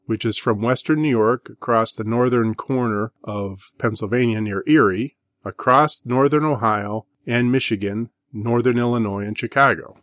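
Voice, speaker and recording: A man with an Inland North American accent giving a scripted book review, measured and slowing down to sound out example words. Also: medium pitch, a bit bright, no echo, studio quality.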